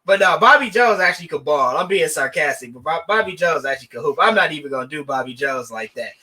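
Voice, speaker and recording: A man co-hosting a podcast, animated and joking, with sarcastic asides in casual sports debate. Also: a little high, fast, breathy edge. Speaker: podcast co-host.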